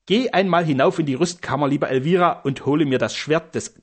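A man's voice: fairly high pitch, fairly quick, natural voice. A man voicing a boastful old castle steward with pompous, theatrical bluster. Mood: proud.

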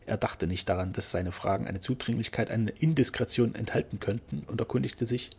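Man, audiobook narrator, dramatic storytelling, gravelly, very husky voice. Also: on the low side, fairly quick, darkish tone. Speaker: audiobook reader. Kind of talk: scripted narration.

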